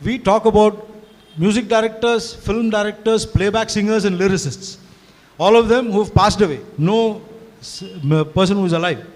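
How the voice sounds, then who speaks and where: With a high-sitting voice at a moderate pace, a sixty-year-old Tamil-native man chats to those gathered at a live event he organized. His fluent, rambling talk mixes Hindi and English and returns often to "you know," and long hall reverb surrounds it.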